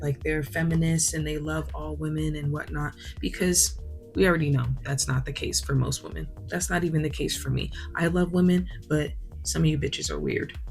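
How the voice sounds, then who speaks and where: A vlogger with a New York accent talks at length while doing her makeup in her glam room at home, her voice low with a darkish tone. She's candid, verbose and a bit bougie.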